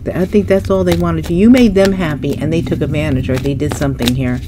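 A woman with a low, stuffy-nosed voice gives a casual tarot reading, musing aloud as she turns cards at an indoor table, with only her hands in frame. She speaks fast with fairly even intonation, over a noisy background.

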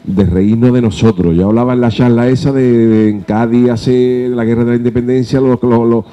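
A man's voice: mid-range voice, steady tone, normal speed, dark tone, dull audio. A man on a panel, speaking thoughtfully and hesitantly, repeating words as he thinks. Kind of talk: reflective panel talk.

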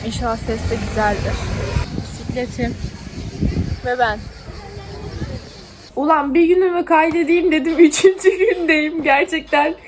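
Young woman, high-pitched, blunt, outspoken, casual vlog chat, light background noise. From Bursa, Turkey. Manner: blunt, outspoken, swears freely. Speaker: vlogger.

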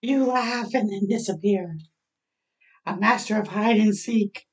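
A middle-aged woman with a mid-range, darkish voice reads somewhat slowly at children's storytime, bringing a picture book to life with expression, asides, and stretched-out words. The recording is indoors in a small home bathroom, from a slightly distant microphone.

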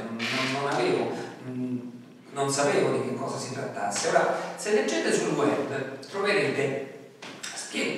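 Middle-aged Italian pastor, slightly high voice, chatty sermon with questions to the room, distant and echoey. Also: male voice, a bit bright, slight background noise. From Italy. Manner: conversational, asks the congregation questions. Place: small church hall, indoors. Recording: echoey hall, voice from afar.

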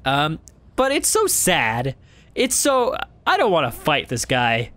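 A man's voice: fairly high pitch, wildly swooping pitch, slow, fairly bright tone. A young man hosting a let's play, reading the game text and chatting casually with rambling, laugh-filled asides.

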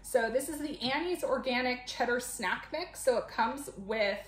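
Speaking a little slowly in a voice on the high side, a woman in her thirties casually explains her grocery haul to camera from her kitchen. She's a mom vlogging at home, with the camera a few feet away; the sound is echoey and noisy, with clicks and rustling.

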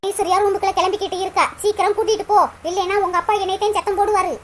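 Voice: very high voice, flat delivery, very fast, a little hiss or hum. A performer voicing a fretful, nagging mother in a cartoon, pleading with her grown son.

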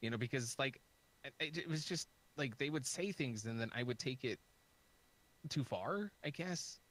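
A man's voice: medium pitch, normal speed, low-quality recording. A man talking as a guest YouTuber in a casual video-call chat, rambling with lots of "like" fillers and joking at his own expense. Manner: rambling, heavy use of "like" fillers; animated and self-mocking.

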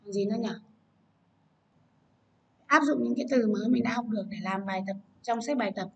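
A woman's voice: a little high, brisk, creaky, darkish tone, breathy edge, highs cut off. Woman teaching children English. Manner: explaining patiently, prompting students. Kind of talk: online English lesson for children.

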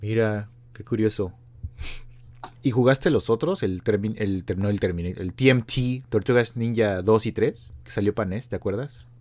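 A man's voice: lowish voice, moderate pace. Laid-back Mexican man reading comments. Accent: Mexican Spanish. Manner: relaxed, joking, reads listener comments aloud. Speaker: podcast co-host. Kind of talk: casual chat.

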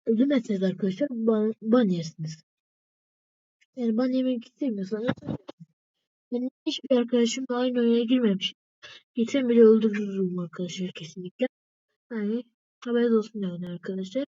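A woman with a fairly high voice chats through her gameplay, turning to her viewers every few words. The sound is dull and lo-fi, close and dry with no room around it. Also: fairly quick, pauses often, dark tone, dry recording. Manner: chatty, keeps addressing viewers as friends. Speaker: gaming video maker. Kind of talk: casual gameplay commentary.

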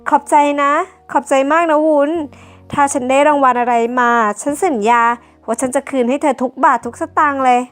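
A woman voicing a gentle young woman singer who speaks softly and earnestly. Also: sits high, fairly even intonation, moderate pace, faint music behind.

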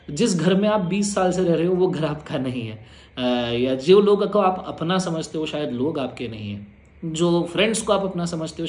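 A man's voice: on the high side, darkish tone. A man giving students an earnest, reassuring motivational talk as their exam teacher. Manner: earnest, reassuring, mixes Hindi and English. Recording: roomy echo.

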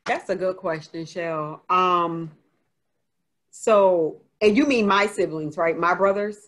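A woman's voice: lowish voice, slow, a bit bright. Woman, author, candid storyteller, casual question-and-answer, laughs easily. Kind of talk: casual live Q&A.

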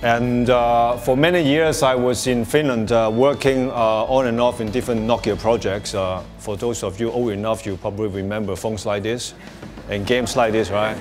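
A man's voice: medium pitch, fairly even intonation, faint music behind. Man from Hong Kong giving a talk. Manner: plain and measured, with many filler pauses. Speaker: guest speaker. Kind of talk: presentation talk. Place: small meeting room with projector.

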